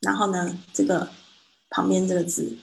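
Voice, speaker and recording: A Mandarin-speaking woman teaching English pronunciation one-on-one, patiently correcting and modelling words slowly. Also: fairly low pitch, level tone, creaky, rough recording.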